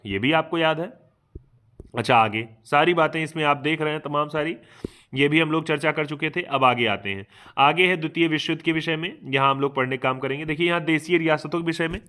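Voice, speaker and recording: A man giving a fast online exam revision lecture, asking questions aloud and answering them himself, often checking in with his students. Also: on the high side, bright, forceful tone. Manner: quizzes himself aloud, keeps asking "ठीक बात है ना". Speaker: exam coaching teacher.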